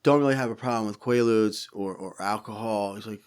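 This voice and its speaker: A man's voice: fairly low pitch, a little fast, clean tone. A middle-aged man, a podcast guest, telling stories in casual interview talk, acting out quotes with frequent swearing. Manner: animated storyteller, acts out quotes, frequent swearing.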